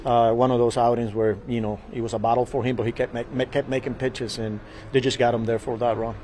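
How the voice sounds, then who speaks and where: A man in his forties answers reporters at a postgame press conference, his tone mellow and his delivery flat. He talks in a measured, halting way and repeats his words as he thinks. A faint room hum sits under the table mic. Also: mid-range voice, poor audio. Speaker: baseball manager. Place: small press room before a sponsor backdrop. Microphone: table mic in front of him.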